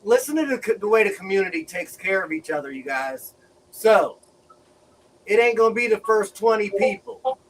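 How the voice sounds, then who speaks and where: A man hosting a casual livestream grow show, talking in an excited, profane, laughing way. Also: high-pitched, moderate pace, far from the mic, low-quality recording. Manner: hyped, profane, laughing often.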